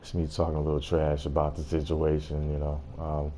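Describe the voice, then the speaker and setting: A man's voice: a bass voice, completely flat delivery, brisk, mellow. A man giving a casual gameplay tutorial as host, explaining things in an informal way.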